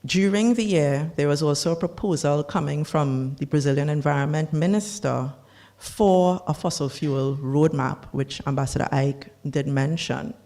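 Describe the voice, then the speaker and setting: A speaker giving a formal policy briefing on climate negotiations, measured and deliberate, with the odd dry aside. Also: medium pitch, darkish tone.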